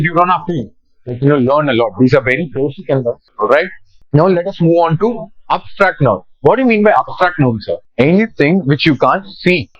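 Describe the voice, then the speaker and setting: A man's voice: medium pitch, no echo, highs cut off. A young man with an Indian English accent teaching a grammar class, talking conversationally and asking questions that he answers himself. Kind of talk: classroom lecture.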